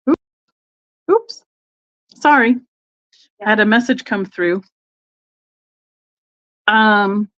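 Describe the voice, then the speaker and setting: A woman's voice: medium pitch, a bit bright. Woman host of a live-stream sale, rambling and chatty, greets viewers by name, dull lo-fi audio. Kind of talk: casual live-stream chat.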